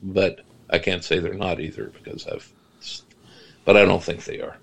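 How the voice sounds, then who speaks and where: A middle-aged man with a low, gravelly voice talks as a guest on a casual podcast. He stumbles and repeats words before settling into long explanations. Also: little pitch movement, fairly bright tone. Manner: halting, repeats words, then explains at length. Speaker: guest Bigfoot researcher.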